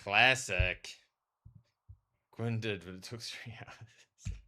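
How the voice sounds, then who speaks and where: A man livestreaming a game and chatting casually with viewers, speaking with a strong lisp from wearing a retainer in an animated, slangy way. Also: lowish voice, extremely slow. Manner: animated, slangy, talks to chat. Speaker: live streamer, theologian. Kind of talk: casual livestream chat over gameplay.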